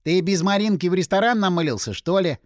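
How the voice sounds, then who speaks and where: A brash young fire mage, cocky and always needling his friend, as a male narrator plays him. His lines bounce through a wide, animated pitch range. The recording is dry and close. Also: brisk, dry recording. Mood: teasing. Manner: teasing, brash.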